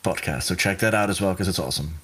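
A man's voice: low voice, fast, fairly bright tone, husky. Chatty, rambling male podcast host. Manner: chatty and rambling, with frequent restarts and laughs. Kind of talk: casual chat.

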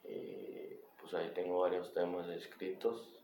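A man's voice: low voice, big pitch swings, a little slow, vocal fry, warm tone. A man with a Mexican Spanish accent, a rapper chatting casually with slang-heavy street talk. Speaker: rapper guest. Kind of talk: casual chat. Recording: echoey room, muffled sound, faint hiss.

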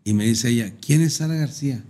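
A man's voice: medium pitch, a little fast, warm tone. A middle-aged man with a northern Mexican accent hosting a podcast, telling stories in a crude, joking, slangy way. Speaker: podcast host. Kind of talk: casual chat.

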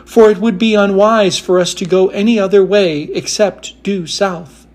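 A man's voice: high-pitched, fairly even intonation, measured pace, darkish tone. A man voicing a kind, polite young girl who speaks earnestly.

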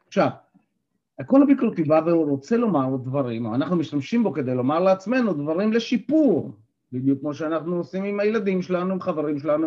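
Husky, fairly high-voiced man coaching a group. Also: lo-fi sound. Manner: animated, asks the group questions. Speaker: NLP coach and therapist. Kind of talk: live workshop talk to a group.

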